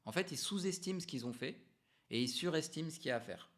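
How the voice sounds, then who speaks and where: A man coaching entrepreneurs to camera in a relaxed, unscripted way, explaining ideas with emphatic repetitions and frequent hesitations. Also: fairly high pitch, quick pace. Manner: frequent hesitations and self-corrections. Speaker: business coach.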